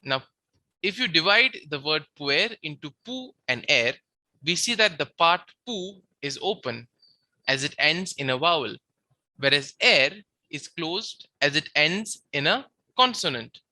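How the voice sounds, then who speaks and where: Very bright, dry voice teaching grammar. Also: mid-range voice, very animated, dry recording. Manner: methodical, repeats examples slowly; habitually says "we see". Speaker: Latin teacher. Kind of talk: beginner grammar lecture.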